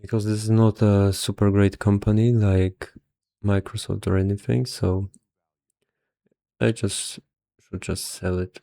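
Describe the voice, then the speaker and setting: He has a lowish, gravelly, warm voice with little pitch movement, speaking unhurriedly and pausing often, with no room sound. Somewhat tired, this investor casually works through valuations aloud, hesitant and half muttering to himself.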